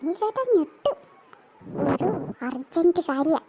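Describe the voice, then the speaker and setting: Voiced by a performer, a jumpy cartoon boy who stammers and rushes his words in a very high, animated voice. A faint hiss runs behind him. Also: exaggerated voice. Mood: urgent. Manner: stammering and urgent. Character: jittery young boy Vasu, easily scared.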